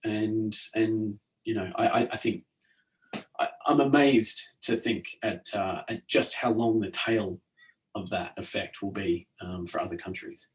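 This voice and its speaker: A man's voice: fairly low pitch, unhurried, distant mic. A man co-hosting a casual podcast chat, talking in a hesitant way with many fillers and restarts. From Australia. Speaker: podcast co-host.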